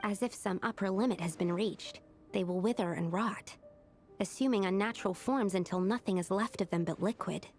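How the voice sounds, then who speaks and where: In scripted video game voice acting set against game music, a woman plays a studious, earnest young female alchemist who explains things precisely and methodically. Her voice is medium-pitched and a little mellow, close to how she'd normally talk, at a normal speed.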